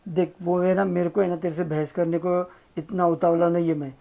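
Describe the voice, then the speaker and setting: A man's voice: high-pitched, level tone, fairly quick, gravelly, dark tone. A man playing a blunt, dismissive young husband in a family drama.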